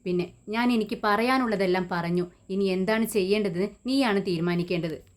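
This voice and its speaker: A woman's voice: mid-range voice, brisk, lightly acted. A woman reading the part of an adult woman pleading with someone on the phone, in an urgent tone.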